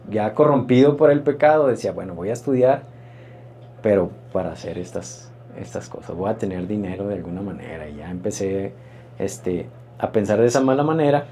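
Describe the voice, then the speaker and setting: A pastor, telling his personal testimony in an interview in an earnest, reflective, halting way. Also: fairly low pitch, dark tone, slight background noise.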